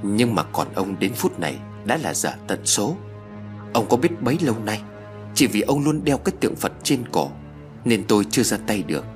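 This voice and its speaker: A man's voice: fairly low pitch, sing-song, normal speed, over music. A man voicing a vengeful, gloating old female ghost in a spoken ghost story. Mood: menacing. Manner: menacing, gloating.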